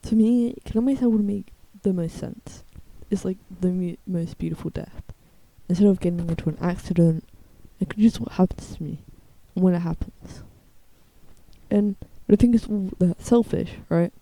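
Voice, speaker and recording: A woman's voice: moderate pace, gravelly, warm tone. A young woman in a casual, blunt, slangy ramble, her speech slightly lisped by the dental retainers she is wearing. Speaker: video creator. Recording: low-quality muffled microphone.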